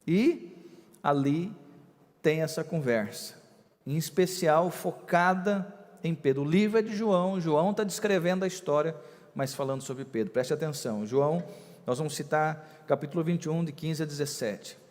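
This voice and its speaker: A man, a bishop preaching a sermon with emphatic, drawn-out stresses on key words. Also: a little high, a little mellow, big-room sound.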